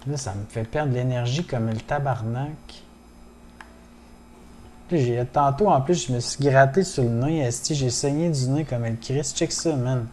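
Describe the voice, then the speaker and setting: Québécois male streamer, mellow low voice, loose casual chatter peppered with curses, addresses chat directly. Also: a little slow, a little hiss or hum. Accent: Québécois French. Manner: swears often, chatty, greets viewers in chat. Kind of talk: casual gaming livestream chat.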